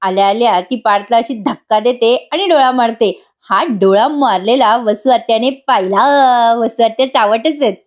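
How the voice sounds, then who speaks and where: A woman recapping a TV serial episode in a voice-over review, chatty and excited, laughing often. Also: a little high, moderate pace.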